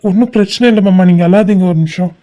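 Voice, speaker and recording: A woman voicing a quiet young man in a cartoon drama, reassuring others in a hesitant way. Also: medium pitch, fast, close to an everyday voice.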